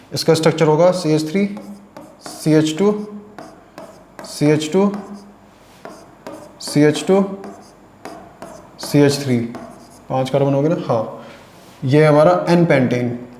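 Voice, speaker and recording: A man's voice: on the high side, mellow, a little hiss or hum. A young man teaching a chemistry lesson, asking questions and answering them himself and repeating key phrases as he writes on the board. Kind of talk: classroom lecture with board writing. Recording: echoey room.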